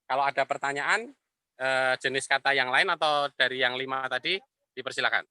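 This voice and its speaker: A man teaching an Arabic class, explaining patiently and repeating phrases slowly. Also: medium pitch, sharp tone, smooth, dry recording. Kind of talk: online class lecture.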